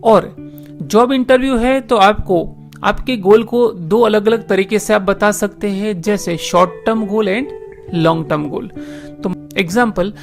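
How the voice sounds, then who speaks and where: Slow, careful male teacher. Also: sits high, creaky. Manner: slow and deliberate, spelling out example sentences one by one. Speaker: English teacher. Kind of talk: instructional video lesson. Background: guitar music.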